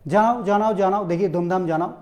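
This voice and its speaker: ভর্তি পরীক্ষার অনলাইন ক্লাসে এক পুরুষ শিক্ষক প্রশ্ন করে করে ব্যাকরণ বোঝাচ্ছেন, মূল শব্দগুলো ধীরে ধীরে বারবার বলছেন।. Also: male voice, sits high. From Bangladesh. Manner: animated, questioning students, repeating key phrases slowly. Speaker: teacher. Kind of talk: online admission-prep English lesson.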